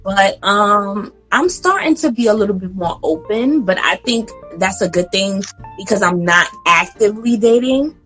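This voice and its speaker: With a mid-range voice at a normal speed, a late-twenties woman chats informally on a podcast as a guest. She's energetic and laughing, at times addressing the listeners head-on, while faint music sits in the background.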